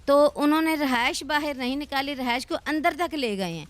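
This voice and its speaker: A woman's voice: sits high, animated. A middle-aged woman who runs a religious school, explaining her grievances at length in a news interview. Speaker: madrasa head.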